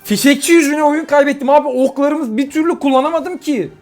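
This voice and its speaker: A young man giving live commentary on his own mobile game matches, excitable and quick to vent frustration at his opponents. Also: very high-pitched. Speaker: gaming YouTuber. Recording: faint music behind.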